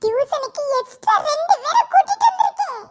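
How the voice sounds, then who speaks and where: A squeaky fussing cartoon son. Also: animated, brisk. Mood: coaxing. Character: worried grown son, man, caring. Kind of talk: cartoon voice acting.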